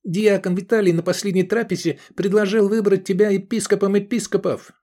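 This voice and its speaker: A man's voice: high-pitched, fairly even intonation, a little fast, warm tone, voice pushed up, natural voice. A man voicing a meek, bald little old man who chatters fussily and speaks solemnly.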